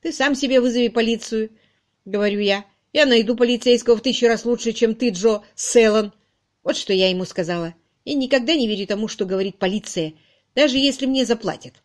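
A woman voicing a loud, bossy middle-aged charwoman in an audiobook, brusque and exclaiming. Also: a little high, a little fast, close to an everyday voice. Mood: gushing. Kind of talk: audiobook reading.

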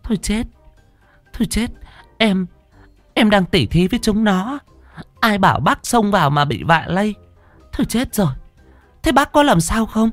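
A woman voicing a feisty young village woman with brusque, sharp retorts. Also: medium pitch, expressive, moderate pace, pauses often, no echo, faint music behind, lightly acted. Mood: flustered.

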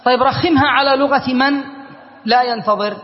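A man with a very high voice gives a grammar lesson, quizzing students as he spells out word forms. His voice rings in a long hall reverb, and the recording is dull and muffled. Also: fairly quick. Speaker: teacher of Arabic grammar.

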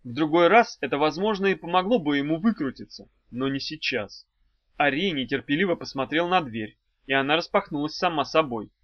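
A male audiobook narrator with a fairly high voice that rises and falls a lot as he reads. The recording is dry with no room sound. Its tone is somewhat dull and lo-fi. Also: a little fast, dry recording. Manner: lively, expressive reading.

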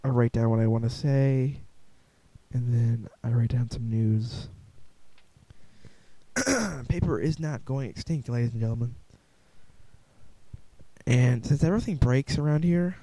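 A young Midwestern man rambles through his casual solo podcast from a home room, restarting often and making light of himself, with a close desk mic catching it in poor audio. His mid-range voice is expressive and mellow, moving at a measured pace with frequent pauses.

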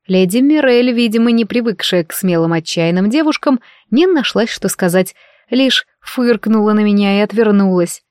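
A woman narrating a first-person fantasy audiobook in a wry, lively storytelling manner, close to the mic. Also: medium pitch, moderate pace, no room sound.

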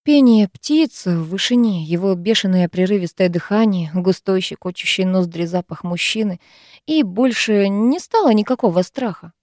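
A woman reading a first-person story as an audiobook narrator in an even, intimate way. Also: mid-range voice, moderate pace, no echo, clean studio sound.

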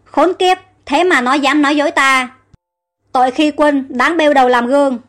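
Woman narrating an angry old king, stern barked commands, high voice, faint music. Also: normal speed, a bit bright. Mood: furious. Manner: barking stern orders.

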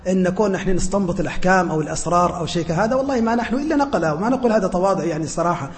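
A man teaching as a sheikh, answering students' questions in an earnest, humble way with frequent hesitant pauses. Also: high-pitched, lively intonation, big-room sound. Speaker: sheikh teaching a religious lesson.

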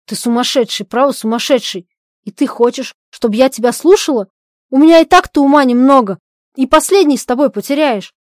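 A woman's voice: on the high side, lively intonation, a little fast, darkish tone, no room sound, clean studio sound, lightly acted. A woman voicing a capricious, petty young wife, teasing and dismissive, in a dramatic stage-play reading. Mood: mocking.

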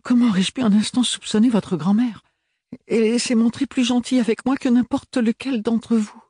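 A timid young woman, put on by a male narrator, speaks hesitantly and a little breathlessly, her voice lifted and husky. The sound is close and dry, as in an audiobook reading. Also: a little high, normal speed, darkish tone, no echo, voice pushed up. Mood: flustered. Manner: hesitant, stammering.

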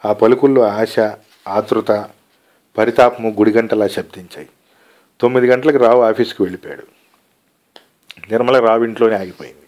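A man narrating a short story aloud in a calm, measured storytelling manner. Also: fairly low pitch. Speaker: story reader.

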